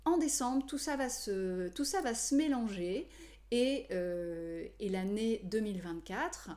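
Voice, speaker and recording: A woman numerology coach explaining to viewers in a measured way, with frequent hesitations. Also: medium pitch, animated, dark tone. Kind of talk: explanatory video talk to viewers.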